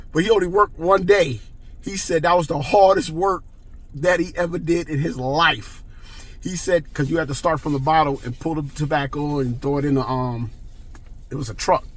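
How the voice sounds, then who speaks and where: A man in his forties, talking to the camera in a casual, emphatic monologue and often checking in with "okay?". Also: on the high side. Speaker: vlogger.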